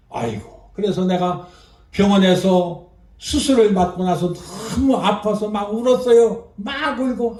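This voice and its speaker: A woman's voice: mid-range voice, a little mellow. Older woman pastor preaching with roomy echo. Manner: emphatic preaching with frequent hallelujahs and prompting asides to the congregation. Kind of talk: revival sermon. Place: church. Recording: roomy echo, voice picked up from a distance.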